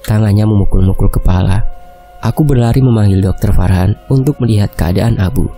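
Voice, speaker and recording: A man reading a horror novel aloud in a steady, calm narration. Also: on the low side, a little fast, soft background music. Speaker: audiobook narrator.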